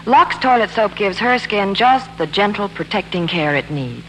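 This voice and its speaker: In scripted 1940s radio banter and advertising, a woman plays a Hollywood reporter and product pitchwoman, polished and enthusiastic. Her medium-pitched voice is animated at a moderate pace, over a noisy, humming broadcast.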